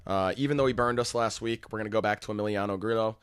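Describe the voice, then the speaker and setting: A man's voice: fairly low pitch, very fast, clean tone, no room sound, clean studio sound. A man hosting a fantasy golf podcast, rattling off stats and picks in a casual, conversational way. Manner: stat-heavy, casual and conversational. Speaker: podcast host.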